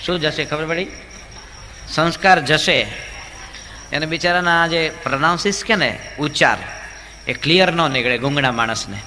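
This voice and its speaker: A male monk delivering a humorous sermon, telling jokes and acting out the people in his stories. His voice is bright and forceful and sits a bit high. He speaks in a large hall with a long reverb and faint background noise. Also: moderate pace, long pauses. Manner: joke-telling, lively storytelling that acts out characters.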